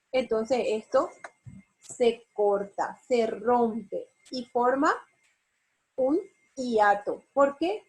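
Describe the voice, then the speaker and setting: Paraguayan spanish teacher lady, slow and patient, keeps asking if everyone follows. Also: high-pitched. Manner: slow, explanatory, asks rhetorical check questions. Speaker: university teacher. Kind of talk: online spelling lesson.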